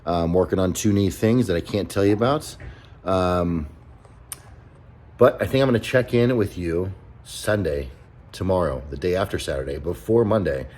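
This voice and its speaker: A man's voice: sits low, moderate pace, a little mellow, poor audio. A young man talking in a casual vlog, blunt and exasperated, swearing freely as he rants. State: out of breath. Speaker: vlogger.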